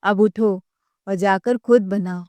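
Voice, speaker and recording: Stern elder brother, harsh rebuking tone, middle pitch, dry sound, read by a woman. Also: steady tone, slow pace, mellow, no echo, natural voice. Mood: stern angry. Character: angry protective elder brother, adult man.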